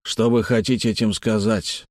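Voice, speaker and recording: A man's voice: lowish voice, little pitch movement, normal speed, no room sound, studio quality, lightly acted. A man reading the lines of an irritable, sarcastic adult male warden. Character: gruff, impatient male game warden.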